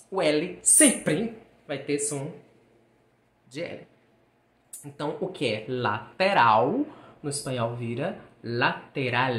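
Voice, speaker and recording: A man's voice: on the high side, fairly bright tone. A man teaching Spanish in a recorded video lesson for sixth graders, patiently drawing out sounds and repeating syllables. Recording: roomy, echoey room sound.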